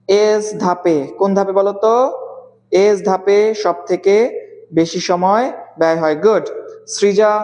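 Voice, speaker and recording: A man teaching a live online biology class, speaking slowly and deliberately, repeating key terms and quizzing his students. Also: high voice, a little mellow.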